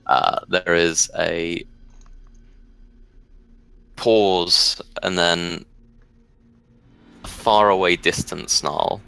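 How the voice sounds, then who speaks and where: A man narrating a tabletop role-playing game as game master, describing scenes in a halting, measured way. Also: low-pitched, sharp tone, low-quality recording.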